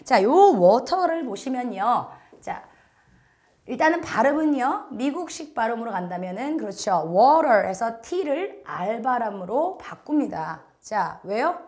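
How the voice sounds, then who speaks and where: A woman instructor giving a recorded English listening lecture, chatting to her students and filling pauses with little prompts. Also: on the high side, big pitch swings, darkish tone. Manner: chatty, addresses students directly, frequent "자" fillers.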